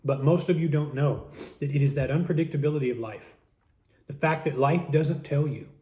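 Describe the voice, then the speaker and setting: Mellow-voiced man musing while he eats. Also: fairly high pitch, reverberant. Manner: musing, talks with mouth full, repeats words. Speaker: vlogger eating a meal on camera. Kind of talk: casual philosophical monologue while eating.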